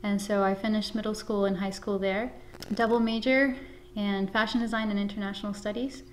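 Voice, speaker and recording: Woman, 30s, from Guatemala, flat delivery, earnest; office interview with a faint hum. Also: medium pitch, a little fast. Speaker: supervisor. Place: office with flag and plant.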